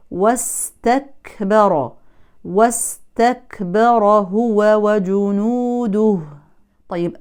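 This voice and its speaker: A woman teaching Quran recitation, explaining in a measured way how each letter is pronounced and contrasting correct and incorrect forms. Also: mid-range voice, mellow. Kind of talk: Quran pronunciation lesson.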